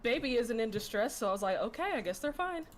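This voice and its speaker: A woman playing a tabletop game over voice chat, chatting casually and telling a story with lively asides. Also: a little high, fast talker, a crowd in the background. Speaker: player.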